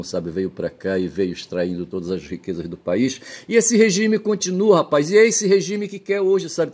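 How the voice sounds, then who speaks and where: This Brazilian channel host speaks Portuguese with a Brazilian accent in a medium-pitched, darkish voice. He rambles through a solo monologue, constantly checking in with the listener by tagging phrases with "tá certo?" and "sabe?". He comes across as folksy, pedantic and blunt, dropping the occasional swear word.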